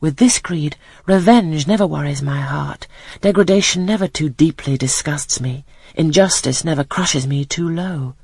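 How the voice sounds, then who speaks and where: A reader voicing a gentle, pious schoolgirl who speaks calmly and earnestly about her beliefs. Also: mid-range voice, moderate pace, creaky, husky, no room sound. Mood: serene earnest. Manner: calm, earnest, softly solemn. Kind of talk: scripted audiobook reading.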